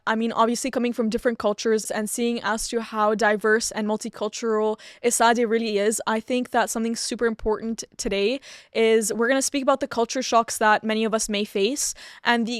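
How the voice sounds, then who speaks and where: A woman's voice: a little high, no room sound, studio quality. A Canadian-raised woman in her twenties hosting a student podcast, chatty and upbeat, whose first language is Arabic. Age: 20s. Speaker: podcast host. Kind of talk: casual podcast chat.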